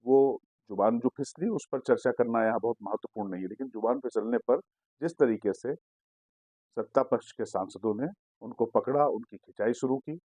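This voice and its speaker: A man's voice: medium pitch, moderate pace, dark tone, slightly rough, dry recording. A man hosting a digital political news show, giving assertive commentary and explaining a clip to viewers.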